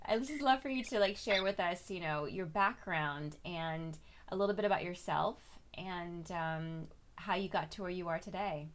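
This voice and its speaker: A woman's voice: lowish voice, moderate pace, few pauses. A woman hosting a casual interview, upbeat and chatty, laughing often. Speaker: host.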